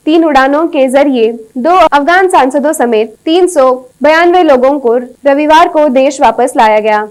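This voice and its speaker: A woman news anchor reading a bulletin in an even, formal newsreading manner. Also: high-pitched.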